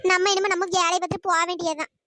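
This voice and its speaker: Shrill, sly cartoon village troublemaker, fast-paced, woman voice actor. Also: little pitch movement, pushed and bright, no echo, clean studio sound. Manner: scolding, sly and gossipy. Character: meddling village woman stirring up fights. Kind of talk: cartoon voice acting.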